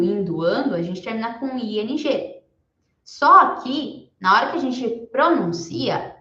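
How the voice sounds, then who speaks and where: A woman teaching a recorded beginner class, explaining patiently and slowing down to spell out each example word. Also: mid-range voice, fairly bright tone. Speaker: English teacher. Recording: echoey room, dull lo-fi sound.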